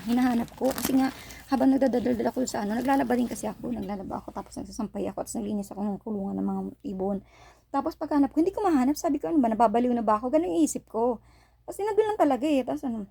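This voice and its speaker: A woman working as a domestic helper abroad, vlogging from her employer's house with a phone camera, rambling through aggrieved stories and getting loud and high when upset. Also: vocal fry, slight background noise, low-quality recording. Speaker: vlogger, overseas domestic worker. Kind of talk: casual vlog monologue.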